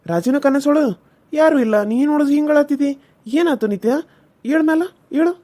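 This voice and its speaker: Woman doing a young village guy in a cartoon, apologetic, soft warm tone. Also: high-pitched, fairly quick, close to an everyday voice. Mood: concerned. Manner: pleading, apologetic.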